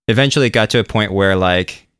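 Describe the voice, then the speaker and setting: A man with a lowish, resonant voice talks in a loose, meandering way. He sounds relaxed and pokes fun at himself. The sound is close and dry, with no room around it. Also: quick pace, smooth, dry recording. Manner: relaxed, rambling, self-deprecating. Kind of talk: casual chat.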